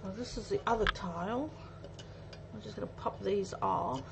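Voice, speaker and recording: Speaking at a normal speed in a gravelly, mid-range voice, a woman in her forties runs a live craft demonstration. She chats casually with her viewers and thinks out loud as she works. The recording sounds muffled and carries faint background noise.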